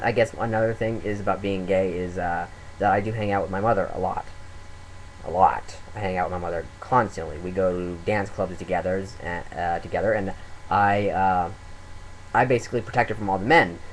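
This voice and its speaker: A man's voice: sits low, steady tone, moderate pace, slight background noise, rough recording. A man in his twenties, a comedian, rambling through a self-deprecating webcam monologue full of fillers. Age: 20s.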